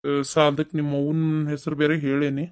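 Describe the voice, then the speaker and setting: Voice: medium pitch, level tone, a little fast, clear, resonant tone, lightly acted. A performer voicing a worried, complaining older father-in-law in a comic cartoon, with a North Karnataka accent. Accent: North Karnataka Kannada. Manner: fretting, complaining.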